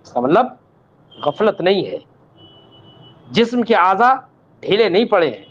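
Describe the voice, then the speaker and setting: In a dull lo-fi recording, a man whose voice sits high and sing-song teaches Islamic law. This religious teacher recites Arabic, patiently explains it, calls his students "child" and checks their understanding.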